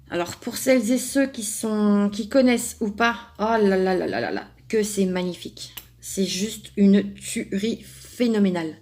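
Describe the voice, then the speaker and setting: This young French craft YouTuber has a mid-range, slightly mellow voice. She chats casually to camera as she works through a subscriber tag, rambling along with frequent fillers and restarts.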